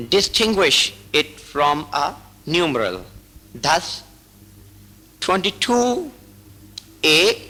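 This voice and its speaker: A man reading out braille writing rules slowly and deliberately, in short broken phrases, like a teacher. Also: on the high side, pushed and bright, rough recording. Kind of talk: slow instructional reading.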